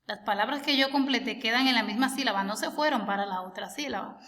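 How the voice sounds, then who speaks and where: A woman's voice: on the high side, fast, sharp tone, big-room sound. A woman teacher patiently explaining a homework lesson, stretching out words as she sounds them out and asking the listener questions. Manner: asks the listener rhetorical questions.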